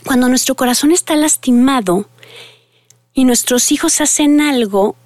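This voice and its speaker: A woman's voice: high voice, normal speed, darkish tone, dry recording. A middle-aged woman therapist tells stories earnestly to an audience, speaking to them directly. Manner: earnest storytelling, addresses listeners directly. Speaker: family therapist. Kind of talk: talk to an audience.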